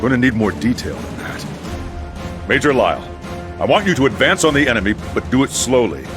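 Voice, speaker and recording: A man's voice: mid-range voice, very animated, a little fast, over music, close to an everyday voice. A man voicing a commanding but cautious royal military leader in an anime dub. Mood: brisk, commanding.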